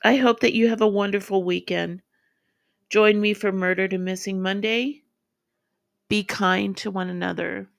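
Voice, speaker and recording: Gravelly-voiced emotional woman podcaster. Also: mid-range voice, fairly even intonation. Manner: tearful, halting, heartfelt. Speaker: podcast host. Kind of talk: emotional solo podcast tribute.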